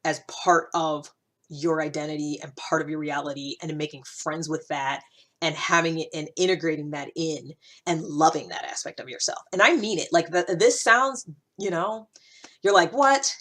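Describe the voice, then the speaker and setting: A woman who hosts a personal-growth series talks casually to her listeners, thinking aloud in an informal, searching, reflective way and driving certain points home emphatically. Her voice is low-pitched yet fairly bright, at a normal speed.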